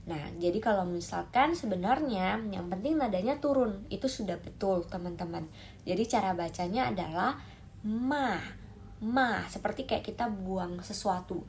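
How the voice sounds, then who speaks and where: A woman's voice: medium pitch, slight background noise. A woman teaching Mandarin tones in a lesson, calling out and stretching demonstration syllables. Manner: lively, drawn-out demonstration syllables. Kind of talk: explaining lesson to camera.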